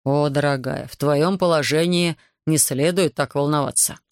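A woman reading an audiobook, voicing a calm, wealthy male plantation master who talks smoothly and patronizingly. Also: deep voice, moderate pace, no room sound, clean studio sound. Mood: unruffled.

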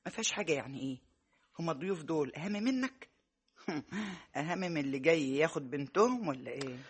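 A proud, touchy middle-aged mother with an Egyptian accent in a radio play. Her voice is husky and sits a little low. She talks fast, with an indignant, sarcastic edge. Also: animated.

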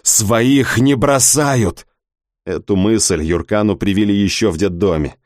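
A man voicing a rough, crude male treasure hunter who barks orders and swears. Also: medium pitch, lively intonation, normal speed, darkish tone, no echo, clean studio sound, lightly acted. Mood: desperate. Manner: gruff, swearing, barked orders.

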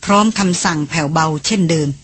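Husky, high-pitched male storyteller. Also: steady tone, fast, a bit bright. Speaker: audiobook reader. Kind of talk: scripted narration.

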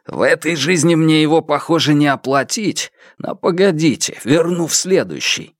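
A man voicing a stern bandit leader and father who speaks slowly and deliberately, weighing each word. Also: fairly high pitch, no echo, studio quality, pitched above the performer's own voice, lightly acted. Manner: slow, deliberate, measured.

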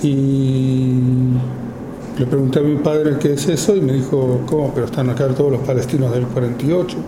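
A man in his fifties from Argentina with an Argentine Spanish accent, speaking informally to an audience about his work, slowly and with many pauses and fillers. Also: medium pitch, fairly even intonation, reverberant, background noise. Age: 50s. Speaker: photographer giving a talk.

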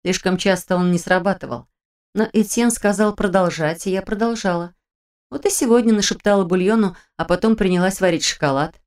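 A woman reading a first-person fantasy audiobook in a measured, expressive way. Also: mid-range voice. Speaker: audiobook narrator.

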